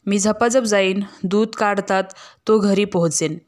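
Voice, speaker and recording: A proud, fearless village landlord, blunt and dismissive in his storybook words, as a woman reads him aloud. The voice sits at an everyday middle pitch. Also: steady tone, a little slow, darkish tone, close to an everyday voice. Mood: scornful.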